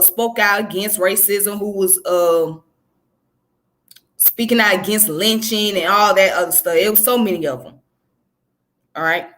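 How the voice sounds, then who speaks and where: This is a history presenter, a woman from Georgia in the American South, whose voice is medium in pitch and fairly bright. She offers casual educational commentary in a conversational tone, regularly checking in with whoever is listening.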